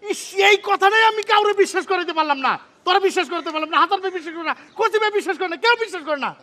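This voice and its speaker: A jealous bachelor buddy who whines in rustic colloquial speech. His voice is very high and bright, and he rattles along at a racing pace. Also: rapid-fire. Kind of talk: comic television drama acting.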